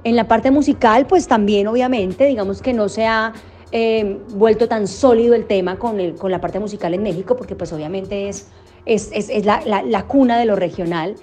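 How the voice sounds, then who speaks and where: A woman's voice: medium pitch, moderate pace, darkish tone, faint music behind. A young adult woman from Colombia, a voice actor and singer, answering interview questions thoughtfully with frequent restarts and fillers.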